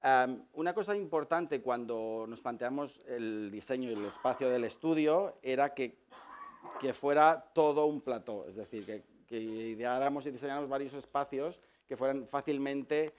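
Casting: Catalan-man, relaxed, rambling photographer giving a studio tour. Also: mid-range voice, moderate pace. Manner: relaxed, rambling, many fillers and restarts; animated storytelling with acted quotes. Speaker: photographer showing his studio. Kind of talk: casual explanatory tour.

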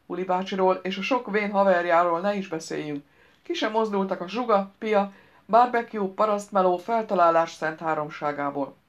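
A spoiled young bride-to-be talks down to everyone around her, read by a woman. Her speech is brash, slangy and scornful, in a middle-pitched voice. It plays as a character in an audiobook. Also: muffled recording, close to an everyday voice. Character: arrogant, crude young bride-to-be.

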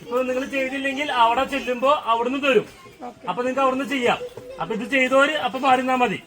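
A male farm guide talks at a quick pace in an extremely high voice, questioning schoolchildren during a playful class outside. He speaks up to be heard above the loud crowd of children and outdoor noise.

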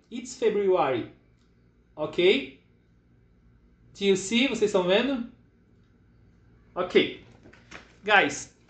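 A man's voice: sits high, a bit bright. A young Brazilian man teaching English to children, reassuring and mixing English with Portuguese, drilling words for the class to repeat. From western Santa Catarina, Brazil. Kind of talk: online English lesson for children. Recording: echoey room.

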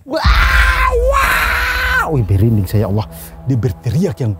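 A man's voice: on the low side, lively intonation, brisk, shouting, loud music behind the voice. An Indonesian man in casual podcast chat, telling a firsthand story earnestly and acting out a scream he heard.

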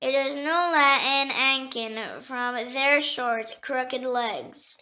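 High-voiced woman reading dictionary entries slowly. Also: expressive, pushed and bright. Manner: slow, careful reading, spelling words letter by letter, with small slips and restarts. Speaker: dictionary reader.

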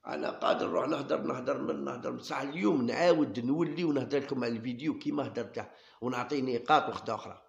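A man with an Algerian Arabic accent rattles off a defiant monologue to his viewers. His voice is gravelly and quick, and he hammers the same challenges over and over. The sound bounces around an echoey room. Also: mid-range voice, muffled recording. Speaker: YouTube channel host. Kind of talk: heated solo monologue to camera.

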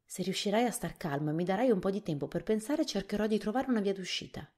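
A woman reading a storybook softly, voicing a thoughtful, worried male scarecrow king. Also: mid-range voice, lively intonation, quick pace, voice pushed up, natural voice.

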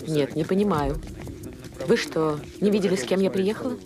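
A woman's voice: on the low side, moderate pace, lightly acted. A woman playing a haughty, defiant guest in a military film, speaking with sarcasm. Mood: haughty, indignant. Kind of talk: film acting.

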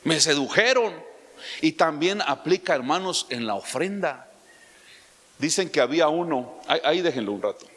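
A man preaching a sermon as pastor, emphatic, throwing out rhetorical questions and rising suddenly to loud lines. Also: a little high, expressive, moderate pace. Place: church. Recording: long church-hall reverb.

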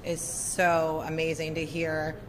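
Woman from Oregon, very low and flat voice, heartfelt, crowd audible behind her. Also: takes it slowly, poor audio. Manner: emotional, heartfelt. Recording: location recording with crowd behind.

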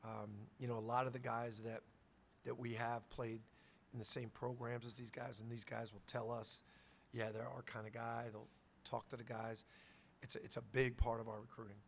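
A man's voice: mid-range voice, little pitch movement, normal speed, gravelly, slight background noise. A middle-aged man, a head coach, answering questions at a post-game press conference, talking casually from a table mic and often restarting his sentences. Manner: conversational, repeats words when starting sentences. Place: press conference room with sponsor backdrop.

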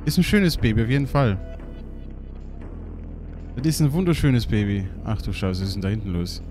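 A young man giving casual, excitable gaming commentary, swearing and laughing often as he plays. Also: fairly low pitch, normal speed, over music. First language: German. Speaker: let's play gamer.

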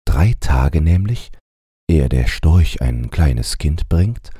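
Give me a man with a very deep, dark voice narrating a bedtime fairy tale calmly. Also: slow pace, husky, no echo, studio quality. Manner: calm, storytelling. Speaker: audiobook narrator.

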